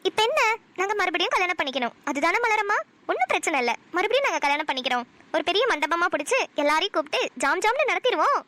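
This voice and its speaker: A woman doing a polite young cartoon daughter-in-law with a very high, quick voice. She talks fast and respectfully to her elders. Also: very animated, sharp tone, exaggerated voice. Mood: eager. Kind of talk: cartoon dialogue.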